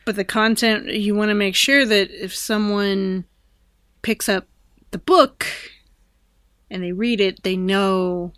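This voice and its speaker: A woman's voice: mid-range voice, fairly even intonation, slow, a bit bright, no echo, studio quality. A woman co-hosting a podcast, talking in a thoughtful, rambling casual way with many fillers. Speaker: podcast co-host. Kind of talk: casual chat.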